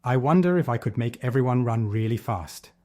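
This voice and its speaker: A man voicing a playful, mischievous young shepherd boy in a children's storybook, shouting in a raised voice. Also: animated, brisk, no echo, clean studio sound, lightly acted. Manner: shouting, giggling, high-pitched.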